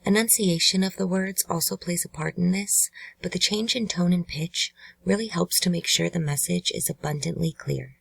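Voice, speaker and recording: Husky, creaky woman narrating true crime. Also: on the low side, fairly even intonation, normal speed, no room sound, rough recording. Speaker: true crime channel host. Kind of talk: scripted narration.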